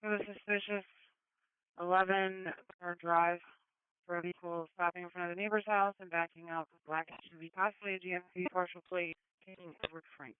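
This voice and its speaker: A man's voice: sits high, level tone, a little fast, smooth, dry recording. A man dispatching on police radio, reading out incidents over a two-way radio. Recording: narrow, tinny scanner radio audio.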